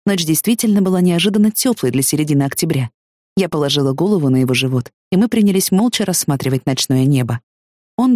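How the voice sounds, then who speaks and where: A woman's voice: low-pitched, no room sound, studio quality. A woman narrating a first-person novel as an audiobook, reading expressively and with feeling. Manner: expressive, emotionally engaged reading.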